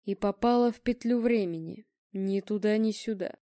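A woman's voice: medium pitch, warm tone, no room sound, clean studio sound, lightly acted. Будимир, a woman voicing a stony clairvoyant man. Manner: slow, stony, cold. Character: eerie male clairvoyant, stony and accusing.

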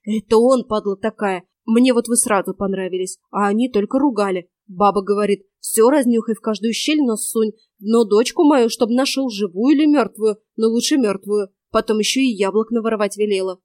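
A woman's voice: on the high side, normal speed, hardly any pauses, darkish tone, no echo, natural voice. Woman doing a cheeky young man, slangy. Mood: eager tattling. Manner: rough slangy grumbling. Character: brash cheeky young man, sulky student. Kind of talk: audiobook character voice.

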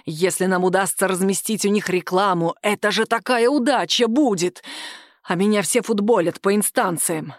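A woman voicing an angry, bullying male office boss who growls and shouts slowly. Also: mid-range voice, no echo, clean studio sound, lightly acted.

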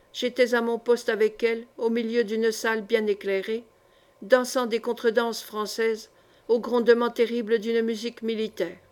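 Woman narrating an old story, measured and dramatic, kinda high voice. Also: a little mellow. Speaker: audiobook reader. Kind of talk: literary narration.

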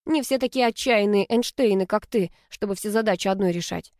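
A woman's voice: medium pitch, a little fast, a little mellow, no echo, clean studio sound, natural voice. A woman voicing an indignant grumbling young student. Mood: sulky. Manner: indignant, hissing complaints. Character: hot-tempered young female student, grumbling.

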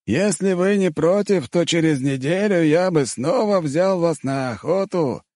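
Man reading friendly hunter, much higher voice, slow and polite, audiobook. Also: animated, darkish tone, dry recording, clean studio sound.

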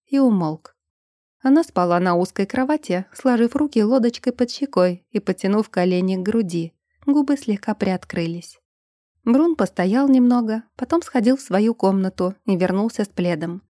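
A woman narrating a novel in a measured, even audiobook reading. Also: medium pitch, no echo, studio quality.

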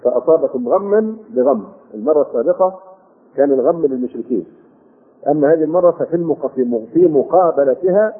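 Older Egyptian man teaching, husky phone-like sound. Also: a little high, animated. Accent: Egyptian Arabic. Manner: explains with rhetorical questions and many drawn-out fillers. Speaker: Quran commentary teacher. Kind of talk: classroom tafsir lesson.

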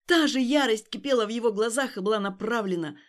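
A woman's voice: a little high, quick pace. Woman narrating a dramatic audiobook. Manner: dramatic, emotionally charged reading. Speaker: audiobook reader.

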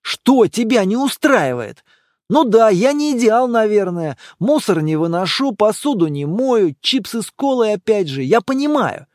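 A man's voice: sits high, sing-song, a little slow, darkish tone, no room sound, studio quality, voice pushed up. A man doing a whiny, clueless young boyfriend. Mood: pleading. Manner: whiny, pleading, bewildered.

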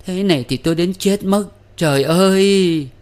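A man voicing a grieving young bride who wails and sobs in a high, desperate voice. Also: moderate pace, a little mellow, lightly acted. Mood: wailing.

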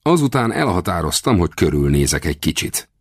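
Male audiobook narrator, low and animated, expressive first-person adventure reading, dry studio sound. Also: breathy edge, no echo. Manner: expressive, raises pitch for shouted dialogue.

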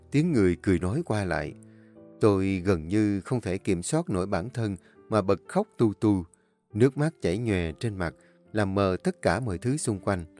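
Low-voiced male storyteller. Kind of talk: first-person audio story narration. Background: soft instrumental music.

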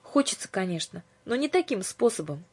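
A woman voicing a sensible, principled teenage girl who speaks firmly and reasonably, with a breathy voice. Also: mid-range voice, very animated, a little fast, pitched above the performer's own voice. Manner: firm and reasonable.

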